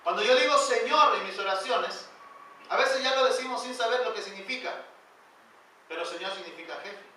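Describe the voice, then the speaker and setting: A male pastor preaching a sermon in a church, pushing phrases up loud and then sinking them to a near hush. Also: extremely high pitch, moderate pace, slight background noise. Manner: emphatic preaching, rising loud then dropping quiet. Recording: very echoey church hall, voice from far off.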